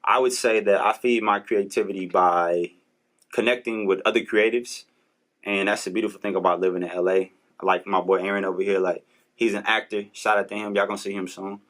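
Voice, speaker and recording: A young man hosts a podcast in a casual motivational talk, his voice sitting low. He speaks, earnest and preachy, stumbling and restarting as his thoughts rush ahead. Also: fairly even intonation, a little fast, fairly bright tone. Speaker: podcast host. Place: Los Angeles.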